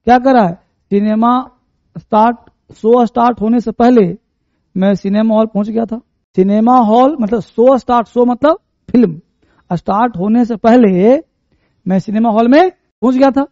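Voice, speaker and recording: Male grammar teacher, high voice, mellow tone, dry muffled sound. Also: moderate pace, dry recording. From India. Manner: animated, acts out everyday scenes to explain. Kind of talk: classroom lecture.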